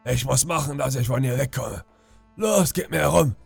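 A man acting out a gruff, volatile old sea captain who barks his words. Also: medium pitch, normal speed, no echo, soft background music, pitched above the performer's own voice. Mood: urgent. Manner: barking, commanding.

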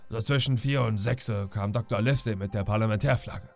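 A man reading an audiobook, voicing a sly, smooth-talking old pirate captain who coaxes with false friendliness. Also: lowish voice, fairly quick, darkish tone. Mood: storytelling. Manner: wheedling, falsely friendly with sudden threats.

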